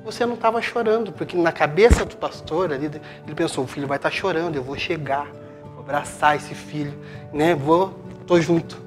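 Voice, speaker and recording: Fast-talking Brazilian man telling a story. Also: fairly high pitch, music in the background. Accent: Brazilian Portuguese. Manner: animated storytelling, acting out quoted voices. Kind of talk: sermon storytelling.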